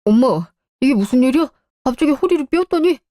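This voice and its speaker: A woman's voice: high-pitched, lively intonation, fairly quick, mellow, no room sound, studio quality, faint music behind. A woman voicing a stressed, defensive adult son in a Korean radio drama. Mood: worried. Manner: whiny, defensive. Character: grumbling adult son, a stressed civil servant.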